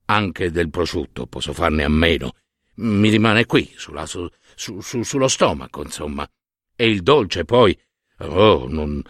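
A man's voice: fairly low pitch, dry recording, clean studio sound. A man voicing a humble, good-hearted old shoemaker in a storybook tale, speaking plainly with a grumble.

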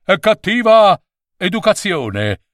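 A man's voice: high voice, big pitch swings, takes it slowly, a bit bright, no room sound, clean studio sound, pitched above the performer's own voice, full character voice. A man voicing an indignant, touchy number nine who protests and scolds in an offended tone.

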